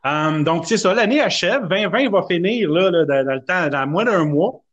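A man's voice: sits high, animated, normal speed, a bit bright, lo-fi sound. A man with a Québécois French accent co-hosting a podcast, talking casually and telling stories with a self-mocking humor. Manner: chatty, self-mocking, storytelling. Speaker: podcast co-host. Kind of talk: casual chat.

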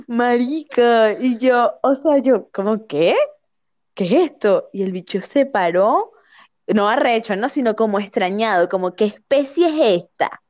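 A young Venezuelan woman tells a story in animated, slangy chat and laughs often. Her voice sits a little high. The recording is dry and a bit dull. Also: slow, long pauses, no room sound.

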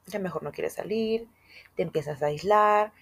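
A woman's voice: fairly low pitch, normal speed, breathy edge. A young woman with a Mexican Spanish accent, hosting a casual monologue podcast and talking in a slangy, emphatic, candid way. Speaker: podcast host.

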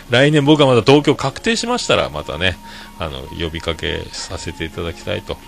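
Low-voiced man chatting casually, lilt. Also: big pitch swings, moderate pace, gravelly, over music. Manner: rambling, many fillers, laughs at own jokes. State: hoarse. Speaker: podcast host. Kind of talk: casual solo chat to listeners.

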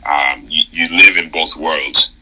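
A man's voice: a bass voice, steady tone, measured pace, heavy background noise. A young man from Nigeria with a slight Nigerian accent, a seminary student speaking thoughtfully as a podcast guest, with hesitant restarts. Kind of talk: casual conversation.

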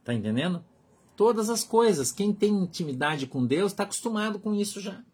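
A Brazilian pastor with a Brazilian Portuguese accent preaches a sermon in a chatty, informal way, often turning to his listeners with quick questions. His man's voice sits a little high and has a husky, grainy edge. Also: expressive, a little mellow. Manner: conversational preaching, keeps asking the flock "understood?".

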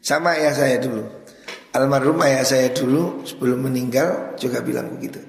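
A man with a Javanese accent, a kiai teaching a classical religious text, who voices the quoted dialogue in a raised pitch. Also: fairly even intonation, normal speed, vocal fry. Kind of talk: Islamic text study lecture. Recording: echoey hall recording.

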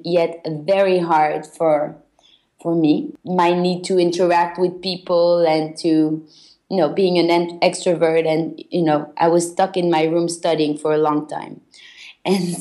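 A woman's voice: fairly low pitch, dark tone. Reflective woman from Belgium, echoey room. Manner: reflective, halting with many fillers. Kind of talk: podcast interview.

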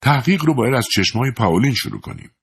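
A man voicing a quiet, sorrowful old priest detective in a storybook reading. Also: mid-range voice, huge pitch swings, gravelly, husky, voice pushed up, heavily acted. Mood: grave. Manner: quiet, grave.

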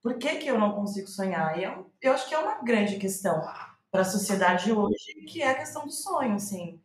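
Speaking a little fast, this guest playwright is a Brazilian woman with an expressive, medium-pitched voice. In the interview she thinks aloud, looping back to reword what she's said, and her voice echoes around a roomy space.

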